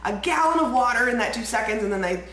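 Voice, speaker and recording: Talking fast and animatedly, this young woman rambles through a chatty vlog, peppering her speech with "like" and staying bubbly throughout. Her voice sits on the high side with a fairly bright tone, though a cold leaves her somewhat congested and nasal. Faint ambient noise and room echo are audible.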